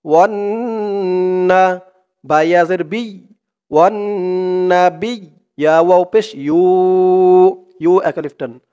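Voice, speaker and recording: A male Quran teacher with a high, smooth, resonant voice. He speaks very slowly, syllable by syllable, patiently breaking down each sound. Then he recites the verse with a melodic lilt. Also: warm tone, highs cut off.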